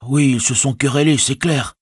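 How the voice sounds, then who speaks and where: A man's voice: mid-range voice, normal speed, husky, dry recording, clean studio sound, pitched above the performer's own voice, natural voice. A man voicing a loyal, humble young hobbit servant in an audiobook, speaking in a folksy, deferential way in a raised voice. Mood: earnest. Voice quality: folksy colloquial speech, deferential. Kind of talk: audiobook character voice.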